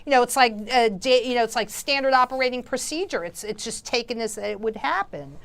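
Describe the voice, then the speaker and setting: A woman's voice: fairly high pitch, animated, a little fast, gravelly, fairly bright tone. A woman hosting a call-in talk show, speaking emphatically and insistently and repeating her points.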